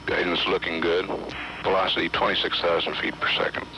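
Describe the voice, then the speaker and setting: A man gives technical mission commentary in a low, level voice. He is measured and matter-of-fact, with music clearly playing behind him. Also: flat delivery, noisy background. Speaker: mission control public announcer.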